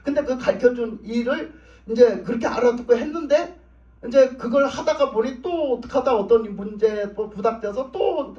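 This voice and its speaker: A male pastor delivers a sermon at a rapid clip, hammering his points home through repetition. His voice is unusually high. The recording is dull and roomy, picked up from a distance in a church. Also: dark tone. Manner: emphatic, repetitive preaching. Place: church sanctuary.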